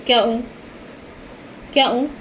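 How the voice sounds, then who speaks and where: A woman's voice: on the high side, fairly even intonation, a little slow, fairly bright tone, a little hiss or hum. A mother at home firmly scolding her child, giving stern commands over and over. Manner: stern, firm, repeating commands.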